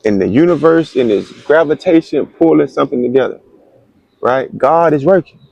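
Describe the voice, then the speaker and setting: Gravelly, warm-toned man telling a story. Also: normal speed, no echo, dull audio. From Miami. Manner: animated storyteller who acts out the quoted voices in a higher pitch. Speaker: co-host telling how the couple met. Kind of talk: casual storytelling chat.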